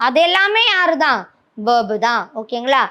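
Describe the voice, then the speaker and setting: A woman's voice: sits high, sing-song, moderate pace, pushed and bright. A woman with a Tamil accent teaching an English grammar lesson, often stopping to ask the class if they follow. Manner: checks understanding with frequent "okay?".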